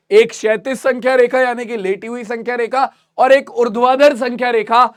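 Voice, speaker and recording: A man's voice: very high-pitched, clear, resonant tone. A man teaching a math lesson, repeating each point and quizzing his students.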